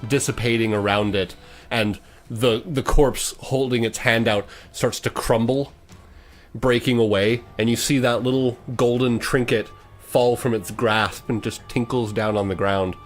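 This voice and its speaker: Running a tabletop RPG session, this game master improvises his scene descriptions haltingly. His voice is medium-pitched and steady in tone, and soft music plays in the background.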